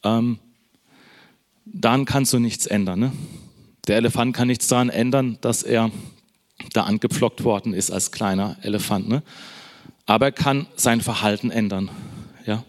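A man preaching a sermon in a conversational, encouraging way, addressing the listeners directly and tagging many sentences with a quick question. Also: lowish voice, steady tone.

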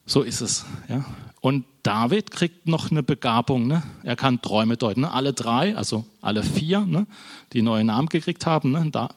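A man preaching an informal sermon in a church hall, talking to the congregation in a casual, conversational way. Almost every phrase ends with a questioning "ne?", and he often stumbles, restarts and corrects himself mid-sentence. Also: mid-range voice. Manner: conversational, keeps adding a questioning "ne?"; false starts and self-corrections.

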